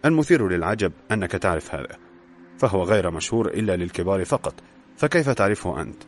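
A man reading the lines of a lively young woman who writes for a magazine, asking curious questions in a storybook reading. His voice stays low and his own. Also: fast talker, slight background noise.

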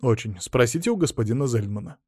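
A man's voice: mid-range voice, animated, fast talker, warm tone, husky, no room sound. A man doing a weary, sardonic detective. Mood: dry. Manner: dry, ironic replies.

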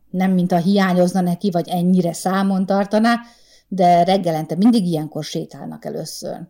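A woman reads a short story aloud, with a calm, measured delivery. Her voice sits low and sounds mellow and warm. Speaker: audiobook narrator. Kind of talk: scripted short-story narration.

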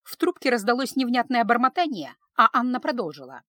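A woman reads an emotional story aloud with expressive, dramatic delivery. Her voice sits a little high, and the recording is dry and close with no room sound. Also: brisk, dry recording. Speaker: narrator. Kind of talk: storybook narration.

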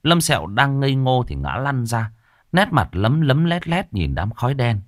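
A man narrating a Vietnamese ghost story with a lively, dramatic delivery. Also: medium pitch, normal speed, dry recording, clean studio sound.

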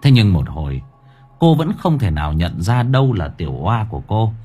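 A male narrator tells a horror story with a husky, slightly breathy voice that rises and falls with lively, animated pitch. His delivery is dramatic and expressive, and soft music plays quietly behind him. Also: normal speed. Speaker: audiobook narrator.

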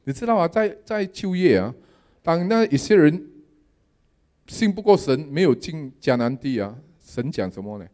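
A man giving a sermon testimony, telling his dreams in a lively storytelling manner with English words mixed in. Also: on the high side, moderate pace. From Malaysia. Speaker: lay preacher.

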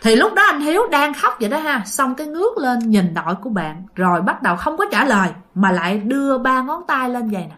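A woman with a Southern Vietnamese accent tells a ghost story in a loose, chatty voice. Her pitch sits a little high. She fills her sentences with small fillers and keeps speaking to her listeners. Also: big pitch swings, brisk, few pauses, a bit bright. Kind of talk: casual ghost story narration.

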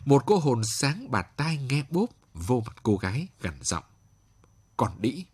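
A man with a husky voice reads a late-night story in a measured, expressive way. His pitch moves widely, and the sound is close and dry. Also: no room sound.

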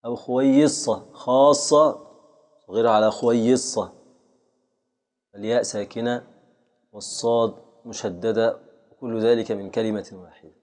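Mellow-voiced Egyptian sheikh teaching. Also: male voice, on the low side, fairly even intonation. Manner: patient, repeats examples slowly and drawn out. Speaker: sheikh teaching a grammar text. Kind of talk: classroom lecture.

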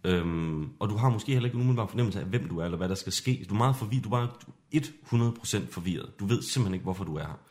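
A man hosting a podcast as game master, narrating an improvised adventure in a hushed, suspenseful way. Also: on the low side, lively intonation, few pauses.

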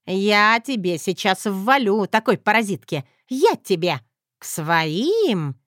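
A woman voicing a fiery little grandmother who scolds in a loud, folksy manner. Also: medium pitch, big pitch swings, takes it slowly, no echo, studio quality. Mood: scolding.

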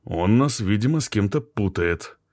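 A man voicing a condescending older male scientist who speaks hesitantly, a bit lower. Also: animated, moderate pace, a little mellow, no echo, clean studio sound.

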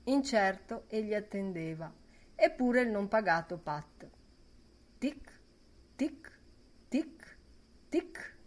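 A woman's voice: mid-range voice, lively intonation, slow, pauses often, a little mellow. A woman reading a novel aloud as an audiobook narrator, in lyrical, fragmented phrasing.

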